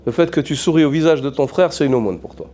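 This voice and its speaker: Man, imam, sermon, warm mellow tone, earnest rhetorical questions, Arabic phrases. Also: on the high side, animated, quick pace.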